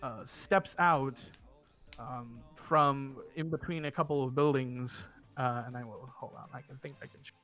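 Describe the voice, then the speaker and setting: A man speaking as game master, narrating and giving instructions in a halting, informal way with casual swearing. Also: mid-range voice, sharp tone. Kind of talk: narrating and running a tabletop game. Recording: music behind the voice. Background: music.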